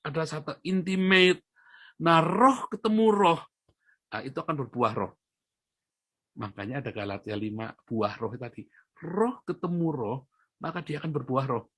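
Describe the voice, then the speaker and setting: A male pastor preaching a sermon, telling a story and rising to loud, high emphatic peaks before dropping to soft asides. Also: no room sound, clean studio sound.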